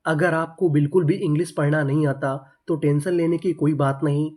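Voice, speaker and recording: A man's voice: on the high side, fairly even intonation, moderate pace, darkish tone. A man teaching English reading, spelling words letter by letter and answering his own questions.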